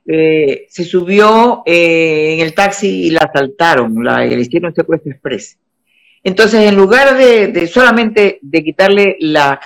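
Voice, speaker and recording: A woman, an actress guesting on a talk show, speaking emphatically and repeating words for stress. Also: low voice. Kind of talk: casual chat.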